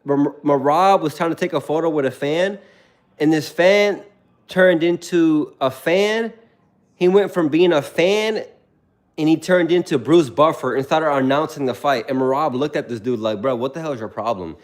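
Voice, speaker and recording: A man's voice: a little high, moderate pace. A young man chatting casually on a livestream, telling stories with animation and reading viewers' comments aloud. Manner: animated storytelling, reads chat aloud.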